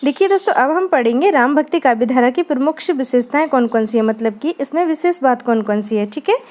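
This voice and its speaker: A woman's voice: high voice, lively intonation, fast talker, darkish tone. A woman teaching an exam-prep literature lesson, explaining step by step and checking in with her students. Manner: explanatory, frequent "ठीक है दोस्तों" check-ins.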